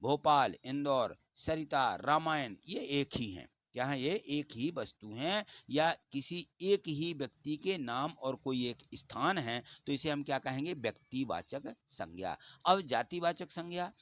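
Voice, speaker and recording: A man's voice: medium pitch, animated, a little slow, few pauses, fairly bright tone. A man teaching a school grammar lesson, explaining step by step and asking and answering his own questions.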